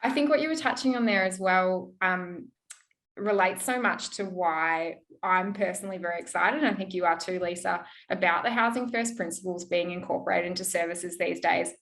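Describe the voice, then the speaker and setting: A woman hosting a webinar interview over a video call, gentle and encouraging in her questions. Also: lowish voice, moderate pace. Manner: gentle, encouraging, many soft backchannels. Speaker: webinar host.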